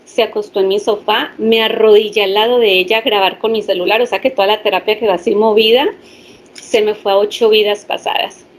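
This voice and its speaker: A woman's voice: medium pitch, steady tone, brisk. Earnest woman telling her story. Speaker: hypnotherapist sharing experiences. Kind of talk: personal testimony to a small group.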